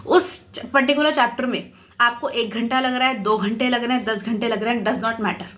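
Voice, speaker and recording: A woman's voice: on the high side, fairly even intonation, normal speed, fairly bright tone. A young woman giving casual study advice to exam students, chatty and reassuring, often checking that listeners follow along and slipping English words into her speech. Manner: mixes English words into Hindi. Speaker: exam mentor for company secretary students.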